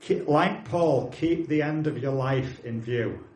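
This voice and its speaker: In a slightly high, somewhat mellow voice, a forty-year-old British preacher takes his time urging his congregation earnestly, with friendly, plain-spoken asides along the way. The room is echoey and the recording rough.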